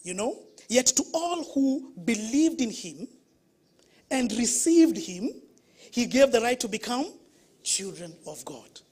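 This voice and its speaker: A woman pastor with a Kenyan accent preaches from the front of a church. She mixes stories with questions to the congregation and keeps her delivery lively. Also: a little high, slow pace, slightly rough. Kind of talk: sermon.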